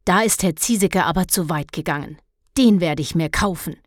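A stern but caring middle-aged mother from a storybook, scolding one moment and coaxing gently the next, as a woman reads her lines. Her voice sits a little low and is delivered unhurried. The recording is close and dry. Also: no echo, close to an everyday voice. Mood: indignant.

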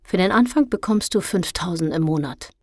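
Woman doing a booming bossy boss man. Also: expressive, normal speed, dry recording. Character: loud domineering male amusement park boss, booming.

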